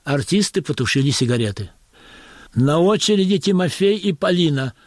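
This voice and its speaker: A man narrating a story in a wry, even manner, as an audiobook reading. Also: a little high, moderate pace, no room sound, studio quality.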